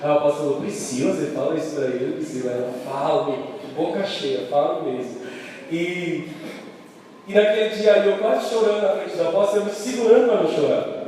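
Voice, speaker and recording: Brazilian church elder preaching, high voice, big echoey hall, picked up from far off. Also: male voice, fast, a little hiss or hum. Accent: Brazilian Portuguese. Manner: swings from shouted proclamation to quiet storytelling. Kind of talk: sermon. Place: church sanctuary.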